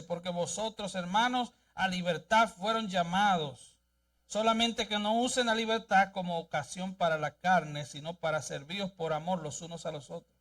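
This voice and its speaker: High-voiced preaching pastor, off-mic. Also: male voice, a bit bright, recorded from a distance. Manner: emphatic preaching, reading scripture aloud. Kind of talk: sermon. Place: church sanctuary.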